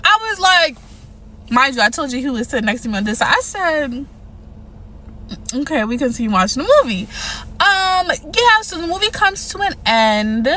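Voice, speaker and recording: A young adult woman telling a dating horror story in a casual, animated way, emphatic and profane, with mounting indignation. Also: high-pitched, normal speed, slight background noise, rough recording. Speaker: storyteller vlogger.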